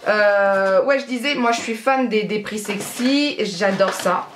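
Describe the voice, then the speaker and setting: A woman's voice: medium pitch, unhurried, reverberant, noisy background. A woman beauty vlogger in casual haul chat, chatty and rambling with a self-mocking humor.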